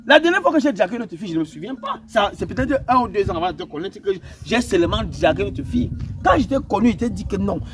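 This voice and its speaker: A man playing a defensive boyfriend caught out. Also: sits high. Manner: defensive, pleading, repetitive. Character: young man accused of cheating, defensive.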